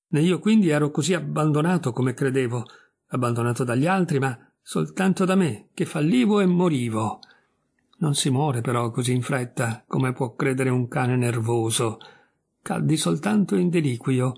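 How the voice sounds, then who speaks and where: A man reading a literary story aloud in a measured, serious narration. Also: medium pitch, vocal fry, a little mellow, slightly rough. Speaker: audiobook reader.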